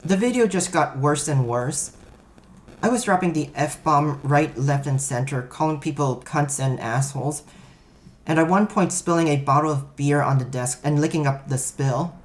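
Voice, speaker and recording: A man's voice: a little high, normal speed. A man reading a first-person story aloud, in a wry, self-mocking storytelling manner. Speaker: narrator.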